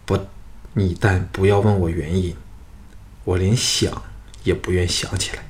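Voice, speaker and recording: Man voicing a vengeful coquettish noblewoman, subdued delivery, low-pitched, audiobook. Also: steady tone, a little slow.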